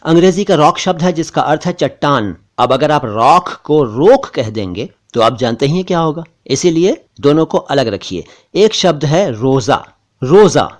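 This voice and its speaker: A man hosting a language lesson, patiently explaining how words are pronounced and saying each word again slowly. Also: medium pitch. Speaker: host and language teacher.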